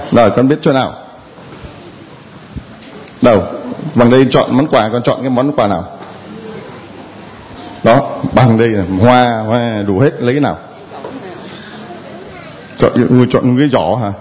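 A man's voice: medium pitch, measured pace, long pauses, darkish tone, slight background noise. A man, a priest giving a sermon to his congregation with rhetorical questions and repetition.

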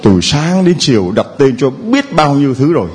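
A man's voice: mid-range voice, very animated, moderate pace, a little mellow. A man preaching a homily who keeps a playful tone, quizzing the congregation with questions and chuckling between points. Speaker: priest.

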